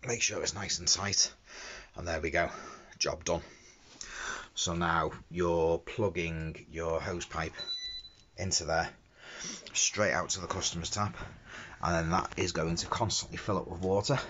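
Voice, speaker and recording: This middle-aged window cleaner speaks a little slowly, his low voice steady and fairly bright, as he casually demonstrates a fitting. The handheld phone recording, made in a small enclosed workspace, is dull and picks up background noise.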